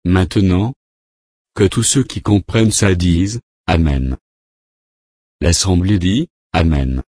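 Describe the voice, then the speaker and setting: A man preaching a sermon, reading numbered Bible verses aloud and commenting on each in a measured way. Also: deep voice, darkish tone, no echo, studio quality.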